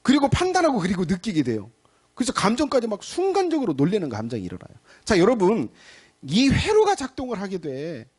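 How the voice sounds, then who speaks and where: Middle-aged male pastor, chatty and animated preaching, acts out small scenes, voice rising and falling a lot. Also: high voice, fairly quick, husky. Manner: animated and conversational, acting out little scenes. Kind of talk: sermon. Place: church sanctuary.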